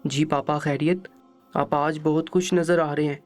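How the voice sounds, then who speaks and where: A man's voice: on the high side, fairly even intonation, faint music behind, close to an everyday voice. A man voicing a hurt, tearful young daughter in a storybook reading, with a pained, pleading delivery. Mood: puzzled.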